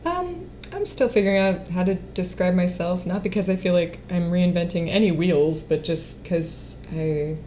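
A late-twenties singer-songwriter and actress talks in a casual interview at a moderate pace, hardly pausing, her voice on the low side and mellow. She laughs often and uses fillers, and a little hiss or hum sits in the recording.

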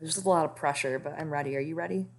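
A woman's voice: deep voice, fast talker. A young woman co-hosting a podcast, discussing and reading from a book with dry humor. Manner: dry, wry quips. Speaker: podcast co-host.

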